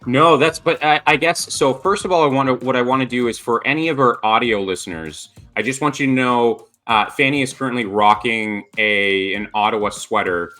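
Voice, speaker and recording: Guy hosting a podcast, really bright tense voice, rambly and upbeat, faint music behind. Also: mid-range voice, moderate pace, few pauses. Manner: upbeat, rambling with repeated restarts. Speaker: podcast host. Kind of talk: casual interview hosting.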